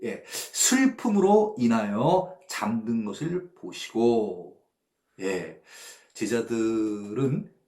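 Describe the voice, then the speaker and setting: A man's voice: lowish voice, very slow, reverberant. A man, a pastor, teaching a Bible study and checking in with his listeners as he goes, sometimes acting out voices. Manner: animated, acts out voices and sound effects; asks the audience "예?" and "그쵸?" to check they follow.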